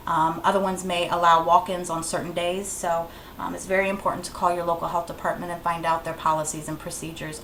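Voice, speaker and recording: In a fairly low, fairly bright voice, this clinic educator presents health information informally and plainly, driving home key advice through repetition. The recording has roomy echo and faint background noise.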